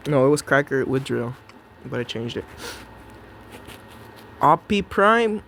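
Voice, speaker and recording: A young man commentates live on his own match, joking casually and talking both to himself and his opponent. His medium voice is level, a bit fast and has vocal fry, with slight background noise.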